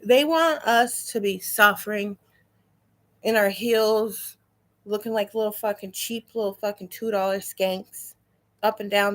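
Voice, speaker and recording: A woman's voice: medium pitch, a bit bright. A woman delivering an indignant, profanity-filled rant straight to the camera. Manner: swearing, indignant, emphatic. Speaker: vlogger.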